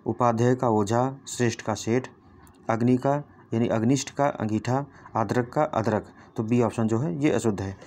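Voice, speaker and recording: A man tutoring through a solved exam paper, reading out each question and its answer options one by one before explaining. His pitch sits in a plain middle range. He talks in an unpolished way, with frequent false starts and quick self-corrections. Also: darkish tone. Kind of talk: solving a Hindi exam paper aloud.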